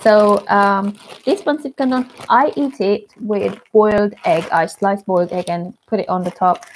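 In a mid-range voice, unhurried, this Filipino woman in her thirties, from the Philippines with a Filipino accent, runs a live unboxing stream indoors in her living room. She counts snacks out loud and greets viewers by name as a vlogger. Her wired earphone mic on a webcam makes a rough recording with some hiss or hum.

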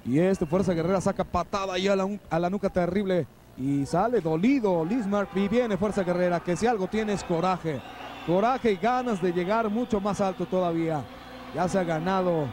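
A Mexican man working as a wrestling commentator, calling lucha libre play-by-play in an excited, dramatic sportscaster delivery. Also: sits high. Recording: noisy old TV broadcast, arena ambience.

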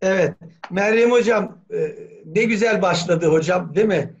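A man's voice: high-pitched, moderate pace. A man speaking as a language scholar in an academic meeting, talking thoughtfully with many hesitations. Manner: thoughtful, hesitant, frequent "e" fillers, spells words letter by letter. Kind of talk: academic discussion on a video call. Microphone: video call. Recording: dull lo-fi video call audio.

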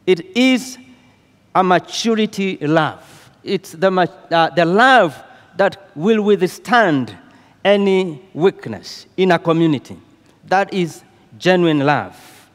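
A man preaching a sermon in a deliberate, unhurried way, pausing with fillers and repeating key phrases. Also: sits high, lively intonation. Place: church hall. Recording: long hall reverb.

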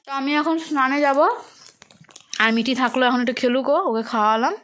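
A woman's voice: high voice, fairly quick, a bit bright. A young woman, casually chatting on a family vlog and talking to her baby. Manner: chatty, talks to her baby in a playful sing-song. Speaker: vlogger, mother of a baby. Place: busy family house full of relatives. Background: chattering relatives.

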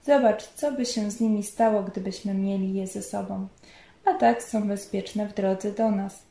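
A woman reading the lines of a cheerful, steady young male missionary in a storybook reading, in a calm, reassuring manner. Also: medium pitch, measured pace, creaky. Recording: roomy echo.

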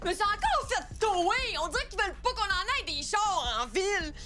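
A woman playing an exasperated young woman with a Quebec French accent, talking in loud, exclaiming bursts. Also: very high-pitched, lively intonation, normal speed, loud music behind the voice. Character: exasperated young woman complaining about parking tickets.

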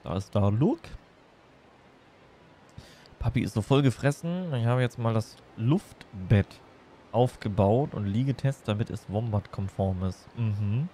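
A man's voice: lowish voice, animated, measured pace, mellow, a little hiss or hum. A man chatting casually and playfully as he livestreams a game, rambling from one thing to the next. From Germany. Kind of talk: casual chat while streaming a game.

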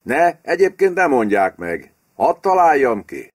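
A man's voice: mid-range voice, very animated, breathy edge, pitched above the performer's own voice. A man voicing a wry middle-aged prime minister in an audiobook, with dry remarks. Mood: teasing. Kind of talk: audiobook character voice.

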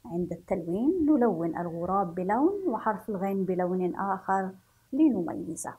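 A woman from Yemen teaching a children's reading lesson, spelling syllables slowly and repeating each word for the class to follow, with gentle praise. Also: mid-range voice, lively intonation, breathy edge, lo-fi sound. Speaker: primary school teacher.

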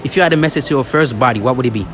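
A man's voice: medium pitch, very fast, fairly bright tone, slight background noise. A young man hosting a slangy street interview in a shopping mall, asking passers-by questions. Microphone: handheld mic.

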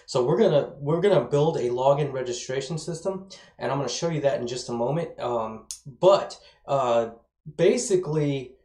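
A man in his thirties with a medium-pitched, slightly mellow voice speaks at a moderate pace, giving an enthusiastic, informal screencast tutorial as a web development course instructor. His speech is slightly slurred, as if his mouth is numb from dental work. He's in a small room with bare walls, and the sound is roomy and echoey.

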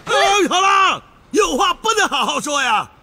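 A man's voice: very high voice, huge pitch swings, moderate pace, bright, forceful tone, husky, full character voice. An actor playing a flustered, henpecked village chief and father, blustering and whiny, in a TV drama. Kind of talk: TV drama acting. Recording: drama audio with music underneath.

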